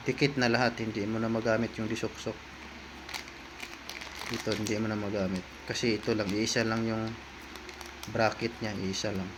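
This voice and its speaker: A man with a Filipino accent and a lowish voice does a casual hands-on unboxing review as a vlogger and product reviewer. He talks informally to viewers while handling the items, often repeating himself. Background noise is audible.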